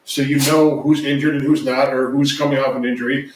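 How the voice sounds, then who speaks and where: Male podcaster, mid-pitched, casual emphatic sports talk, roomy sound. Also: level tone, fairly quick, far from the mic, a little hiss or hum. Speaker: podcast host, former football player. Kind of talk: casual conversational commentary. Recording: echoey room, off mic.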